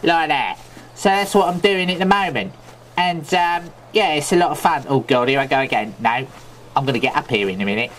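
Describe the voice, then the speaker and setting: A man's voice: a little high, a little fast, slight background noise, close to an everyday voice. A man playing a daft Cockney rogue. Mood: cheeky. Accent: London Cockney. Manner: rambling, chatty, absurd deadpan asides. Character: loveable daft thieving Cockney man, a self-proclaimed film star. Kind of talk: comedic gameplay commentary in character.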